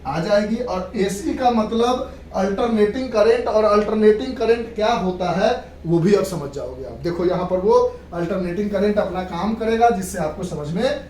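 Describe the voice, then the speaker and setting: At a moderate pace and with few pauses, a woman with a mid-range, slightly mellow voice gives an instructive physics lecture, restating points, checking understanding and mixing in English terms. The classroom recording has room echo, background noise and a distant mic.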